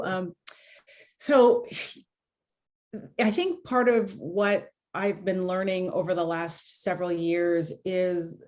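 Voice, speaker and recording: A woman's voice: mid-range voice, a little mellow. A woman born in Jamaica and raised in Canada, a law school dean answering on a video panel in a reflective, candid way with many "you know" fillers.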